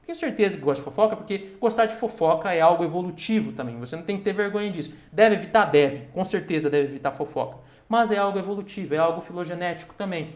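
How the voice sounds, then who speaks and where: A man's voice: high-pitched, expressive, fast, hardly any pauses. A man giving a lecture, asking himself questions aloud and often checking in with his listeners. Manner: asks himself questions aloud and answers them. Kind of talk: recorded online lecture. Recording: roomy echo.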